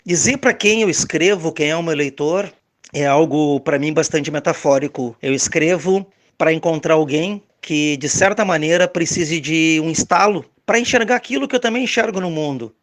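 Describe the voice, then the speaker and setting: A male author muses in a reflective, poetic way. His voice sits a little higher than most men's. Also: normal speed. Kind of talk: recorded personal reflection.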